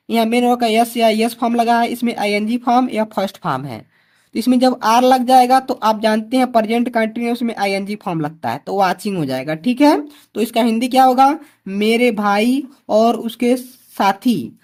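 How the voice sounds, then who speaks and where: A woman's voice: a little high, darkish tone. A woman teaching an exam-prep grammar lesson, who keeps asking questions and answering them herself. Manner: repeats key points for students.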